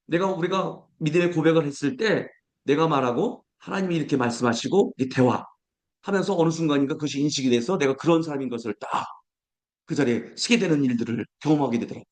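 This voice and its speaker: A male pastor preaching a sermon, acting out everyday complaints with a raised voice and slowing down to recite scripture. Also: a little high.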